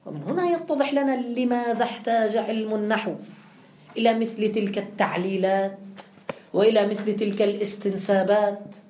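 A woman's voice: medium pitch, brisk, a little mellow, echoey room, slight background noise. A woman giving a classroom lecture, explaining step by step and putting questions to her students before answering them. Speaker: teacher.

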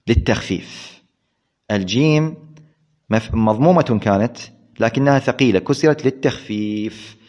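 A man teaching Arabic grammar in a classroom lesson. He asks questions and answers them himself, and repeats the key words. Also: mid-range voice. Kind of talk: classroom lesson explaining a text. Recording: dull lo-fi recording.

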